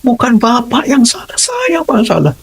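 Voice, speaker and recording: Tearful pleading teenage boy as a man acts him out, very high voice, husky. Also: huge pitch swings, normal speed, exaggerated voice. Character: crying remorseful teenage male student.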